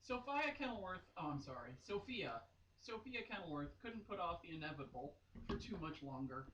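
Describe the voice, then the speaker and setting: A fairly low, sing-song female voice, a little fast and fairly bright, delivers a mock-dramatic romance novel reading full of giggles and exclamations. The recording is muffled, with a distant mic, room echo and faint noise.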